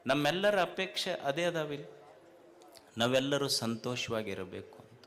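A man's voice: mid-range voice, very animated, moderate pace. A man with a North Karnataka Kannada accent giving a spiritual talk to a festival crowd, repeating lines and asking rhetorical questions with rising emphasis. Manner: hushes the crowd firmly and jokingly. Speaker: speaker addressing a festival gathering.

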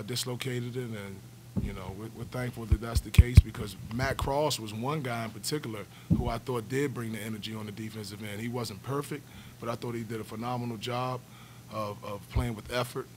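Seated at a table stand mic before a backdrop in a press room, a basketball coach in his forties answers postgame questions in a medium-pitched voice. He's earnest and often repeats words as he restarts, and the rough recording carries slight background noise.

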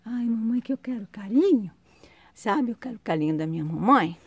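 A woman's voice: fairly high pitch, animated, normal speed, husky, dry recording. A woman voicing her small female pet dog, an affectionate little dog begging for cuddles in sweet, cooing baby talk, outdoors in a home garden on a handheld phone. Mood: cooing, needy.

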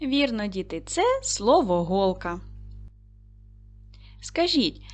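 A woman teacher leads a recorded lesson for young schoolchildren. She speaks clearly and patiently, with an encouraging warmth toward the class. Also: a little high. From Ukraine. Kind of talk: video lesson for second graders.

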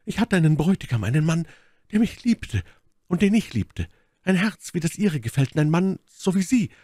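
A man's voice: a little high, very animated, moderate pace, warm tone, dry recording, studio quality, voice pushed up. A man voicing a proud, manipulative noblewoman in a raised, dramatic register for an audiobook reading. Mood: fervent. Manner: heightened, dramatic pleading.

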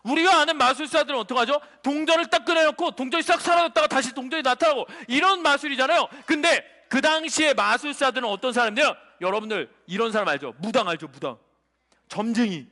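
A man's voice: very high voice, quick pace, bright, forceful tone. A male pastor giving a children's sermon, telling a story and asking the children questions. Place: church sanctuary. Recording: church hall reverb.

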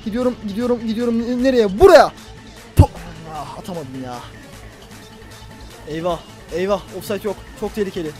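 Excitable young man, football game commentary. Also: high-pitched, brisk, soft background music. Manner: excitable, talks to himself and the players, yells at big moments. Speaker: gaming YouTuber.

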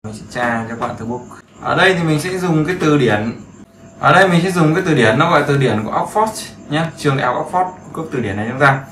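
A man's voice: fairly high pitch, lively intonation, quick pace, fairly bright tone. Chatty man teaching in an echoey room. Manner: chatty, repeats phrases, seeks agreement. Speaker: English teacher. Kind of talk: casual screen-share lesson. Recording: echoey room with faint background noise.

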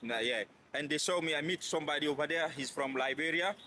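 Middle-aged man, West African accent, halting casual chat into a handheld phone outdoors; bright, forward tone. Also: on the high side, slight background noise. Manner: halting, repeats words, drops religious phrases. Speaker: vlogger's husband. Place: city street outdoors. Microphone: phone held at arm's length.

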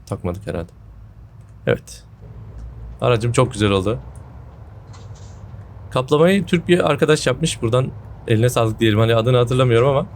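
A man's voice: medium pitch, animated, normal speed, long pauses, a little hiss or hum. A man gives casual gameplay commentary indoors on a headset mic, his voice a little off from a sore throat. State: sick with a sore throat, voice a bit off. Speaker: gaming video host. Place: indoor room at home.

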